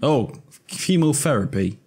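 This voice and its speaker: A man in his twenties hosts a gaming video with casual commentary. His voice is mid-pitched, and he mutters hesitantly as he thinks aloud, close to a desk microphone. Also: expressive, measured pace, dark tone, breathy edge. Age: 20s. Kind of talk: casual let's-play commentary. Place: indoor room at a desk.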